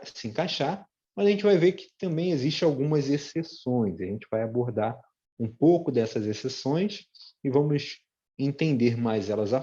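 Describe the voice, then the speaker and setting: Lively Brazilian man teaching pronunciation. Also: medium pitch, dull audio. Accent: Brazilian Portuguese. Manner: repeats example words slowly, chatty asides. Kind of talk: online lesson with shared screen.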